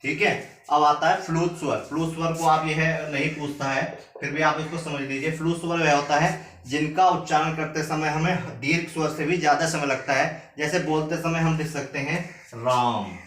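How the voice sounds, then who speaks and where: A man teaching a grammar lesson, slowly repeating each term word by word as if for students to copy down. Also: fairly high pitch, flat delivery, a bit bright. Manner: slow, repeats words one at a time for dictation. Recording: echoey room, mic at a distance, faint noise.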